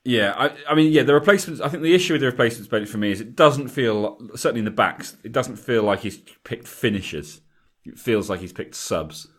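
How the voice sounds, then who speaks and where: A man co-hosting a casual rugby podcast, talking in a halting way with many restarts. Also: mid-range voice, animated. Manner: hesitant, restarts often. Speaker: podcast co-host. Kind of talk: casual chat.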